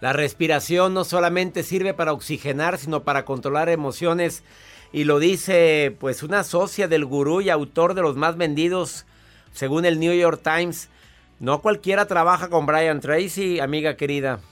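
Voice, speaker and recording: A man's voice: a little high, moderate pace, faint music behind. A man hosting a podcast, upbeat and effusive with his guest. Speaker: podcast host. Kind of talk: interviewing a guest.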